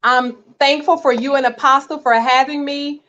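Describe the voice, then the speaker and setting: A woman's voice: sits high, steady tone, moderate pace, sharp tone, highs cut off. A woman speaking as a marriage coach guest, earnest and encouraging, talking straight to her listeners. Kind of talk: heartfelt church talk show chat.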